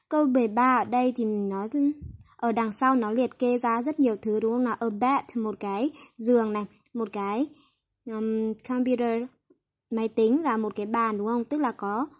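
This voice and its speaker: Young woman, English teacher working through answers, brightish higher voice, keeps asking "right?". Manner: checks in with "right?" after nearly every point, mixing English words into explanations. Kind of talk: recorded lesson, going over exercises.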